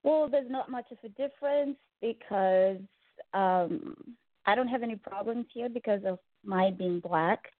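A singer-songwriter from Zimbabwe, a woman, answering interview questions calmly and politely over the phone. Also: mid-range voice, unhurried, dry recording. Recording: tinny dry phone line.

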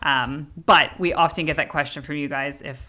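A woman's voice: low-pitched, steady tone, moderate pace, pushed and bright. A middle-aged American woman and mother hosting a casual family chat, rambling and laughing often. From United States. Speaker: mother and channel host.

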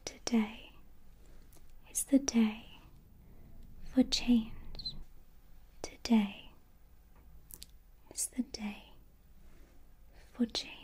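A woman doing ASMR, whispering slow, repeated affirmations into a close microphone. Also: on the high side, fairly even intonation, darkish tone, a little hiss or hum. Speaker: ASMR creator.

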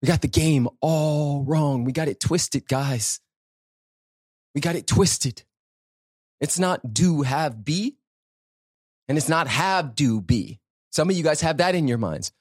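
A man's voice: fairly high pitch, a little slow, no room sound, studio quality. Fervent, preacherly man giving a motivational talk. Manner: fervent, preacherly, emphatic, with rhetorical questions and repetition. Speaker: host of a spiritual self-help podcast.

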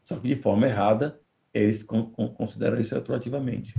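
A man with a Brazilian Portuguese accent and a mid-range, gravelly yet mellow voice answers immigration questions on a live podcast. His intonation is fairly even, and he speaks in a measured, deliberate way, often restarting words.

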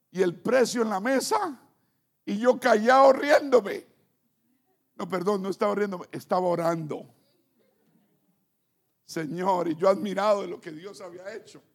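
High gravelly preacher. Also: male voice, measured pace, pauses often. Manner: animated storyteller, swings from hushed asides to emphatic near-shouting. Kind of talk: sermon with personal testimony.

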